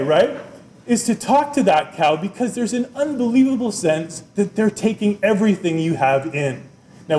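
A middle-aged man, dean of a business school, giving a conversational keynote at a podium and often checking in with "right?". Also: a little high. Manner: animated, conversational, often adds "right?", gestures with both hands. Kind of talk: keynote speech. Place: lecture room, at a wooden podium, indoors. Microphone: podium microphone. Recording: roomy lecture-room sound, faint background noise.

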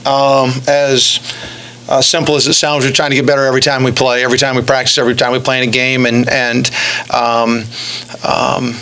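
Middle-aged man, post-game press conference, monotone, halting restarts, podium mic. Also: mid-range voice, low-quality recording. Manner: halting, many restarts and fillers, measured and subdued. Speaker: head basketball coach. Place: press room in front of a backdrop. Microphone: stand mic at the podium.

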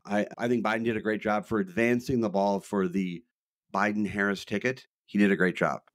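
A middle-aged man co-hosting a political podcast, telling lively stories and laughing easily. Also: lowish voice, a little fast, dry recording, studio quality. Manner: animated storyteller, laughs easily. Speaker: podcast co-host. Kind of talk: casual political chat.

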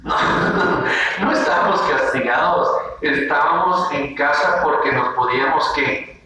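A male preschool teacher, teaching young children in an animated way and acting out feelings in playful voices. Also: on the high side, slow. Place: classroom. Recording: very echoey room, voice from a distance, faint noise.

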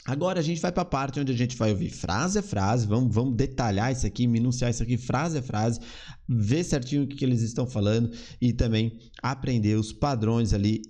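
A man's voice: mid-range voice, brisk, warm tone. A man from Brazil, teaching English in a chatty way and repeating words to drill pronunciation. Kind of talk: casual online English lesson.

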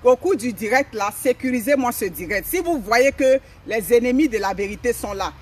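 A middle-aged African woman hosts a motivational live stream outdoors in a forest, speaking emphatically and repeating her phrases. Her voice is a little high with lively intonation at a moderate pace, picked up by a phone camera a few steps away.

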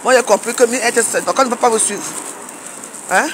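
A woman's voice: fairly high pitch, a little fast, fairly bright tone, slight background noise. A woman in a casual vlog, scolding a rival with pointed rhetorical questions as she walks outdoors at a market. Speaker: social media commentator.

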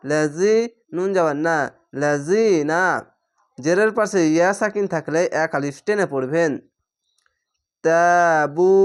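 A man's voice: a little high, clear, resonant tone. Patient man spelling out Quran syllables. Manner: patient, spells syllables letter by letter and repeats rules. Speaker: Quran reading teacher. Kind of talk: slow spelled-out recitation lesson.

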